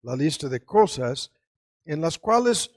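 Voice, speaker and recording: A male pastor preaching a sermon, often tagging phrases with a rhetorical question and swinging between emphatic high lines and soft low ones. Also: sing-song, takes it slowly, no echo, studio quality.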